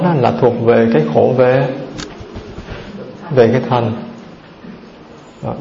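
Gravelly-voiced monk giving a dharma talk. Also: male voice, medium pitch. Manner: asks the audience questions and answers them himself; lists terms one by one. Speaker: Buddhist monk teacher. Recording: roomy, dull, slightly noisy recording.

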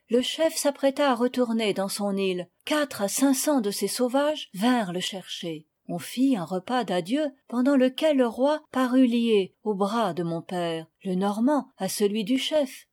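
A woman reading a children's novel aloud, with calm, measured storytelling that rises in dramatic moments. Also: on the high side. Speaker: audiobook reader. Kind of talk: scripted narration.

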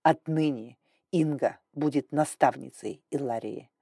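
A woman's voice: extremely low pitch, measured pace, creaky, dark tone, slightly rough, no echo, clean studio sound, pitched below the performer's own voice, heavily acted. A woman reading an audiobook, voicing a stern, domineering male dragon lord with an icy, growling manner. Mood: commanding.

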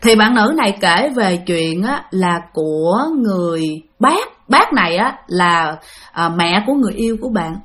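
A woman's voice: medium pitch, expressive, normal speed, a bit bright. A woman with a Southern Vietnamese accent narrating ghost stories for her channel, chatty and often addressing her listeners. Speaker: ghost story channel host. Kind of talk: spoken ghost story narration.

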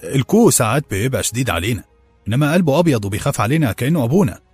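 A man reading an audiobook, voicing a cautious male telephone operator who speaks loudly and quickly in a placating way. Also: mid-range voice, animated, slightly rough, no echo, soft background music, voice pushed up.

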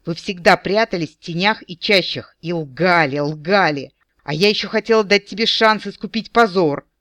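A man voicing a fierce young female elf warrior who shouts shrilly and hysterically in an audiobook. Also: sits high, normal speed, no echo. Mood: shrill, furious.

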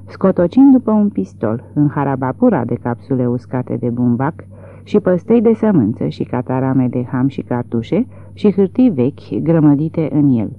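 An audiobook narrator reading a literary novel with expressive, dramatic storytelling, on tinny phone-like audio. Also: medium pitch.

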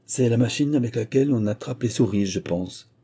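A brash young army officer from an old adventure story, as a male narrator does him. He is brisk and a touch self-mocking. He speaks in a dark, husky voice only a little above the narration. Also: medium pitch, voice pushed up, lightly acted. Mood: dry.

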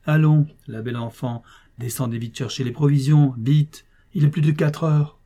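A man reading aloud and voicing a shabby, sly old male bailiff's clerk who talks in a wheedling, grandly flattering way. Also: fairly high pitch, normal speed, voice pushed up, close to an everyday voice. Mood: sly, jovial.

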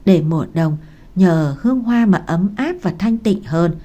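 A woman's voice: fairly low pitch, expressive, measured pace, dark tone. Woman narrating a romance audiobook.

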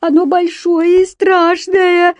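A woman's voice: a little high, lively intonation, unhurried, darkish tone, no room sound, dull audio, pitched above the performer's own voice. A woman voicing a small frightened raccoon girl who cries and pleads. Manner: tearful, pleading.

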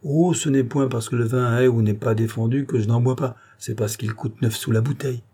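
A man's voice: medium pitch, steady tone, a little fast, warm tone, breathy edge, pitched above the performer's own voice. A man voicing a miserly, pious old spinster aunt who protests in a plaintive, whining way.

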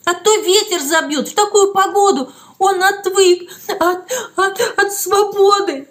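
A woman's voice: high-pitched, big pitch swings, moderate pace, voice pushed up. A woman voicing a little girl who is upset and close to tears, sobbing and pleading. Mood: distraught.

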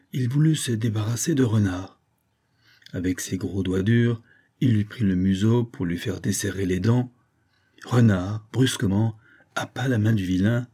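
A man narrating a storybook tale in a measured, expressive reading. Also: fairly low pitch, slightly rough.

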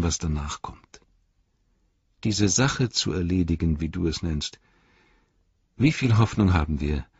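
A man reads a weary hobbit hero in an audiobook. His voice is deep and very husky, and he speaks quietly and earnestly. The sound is dry and a little dull. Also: no room sound, full character voice. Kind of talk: audiobook character voice.

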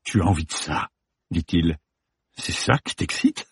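A man reading an audiobook, voicing a young male student with a raspy, grating voice that growls low. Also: expressive, measured pace, no room sound, clean studio sound, heavily acted. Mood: menacing. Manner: growling low, then panicky and shrill.

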